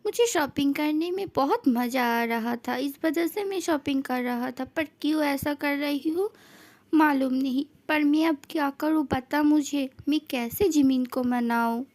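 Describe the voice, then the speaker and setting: Woman reading a remorseful young man, self-blaming, high voice, slow halting words. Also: a little mellow. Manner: self-blaming, pleading for advice. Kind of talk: fan-fiction voice acting.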